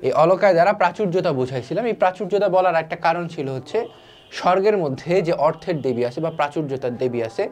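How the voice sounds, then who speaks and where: A young man teaching an online class, explaining quickly and asking many rhetorical questions. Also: a little high, a little mellow.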